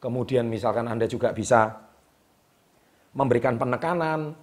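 A man's voice: mid-range voice, a little mellow. Emphatic man giving motivational tips. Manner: emphatic, repeats key words with a drawn-out "ya". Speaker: host. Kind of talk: motivational talk to camera. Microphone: speaking straight to the camera.

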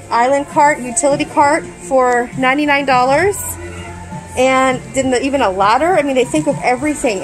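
A woman's voice: sits high, poor audio. A middle-aged woman walking through a large furniture store with a handheld camera, gushing to her viewers about what she sees. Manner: gushing, enthusiastic, addresses viewers directly. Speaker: vlogger. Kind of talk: casual shopping vlog narration. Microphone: handheld camera or phone, walking.

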